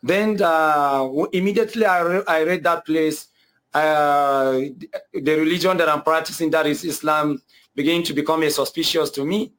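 As a guest, a young man with a Nigerian accent tells his personal conversion testimony with earnest hesitation and frequent repetition. His voice is a little high and a bit bright, steady in tone and at normal speed.

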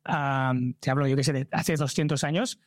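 A man's voice: mid-range voice, steady tone, moderate pace, no echo, clean studio sound. A man from Barcelona with a Spanish accent, a travel creator earnestly answering interview questions about travel. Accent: Spain. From Barcelona, Spain. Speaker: travel content creator and trip organizer.

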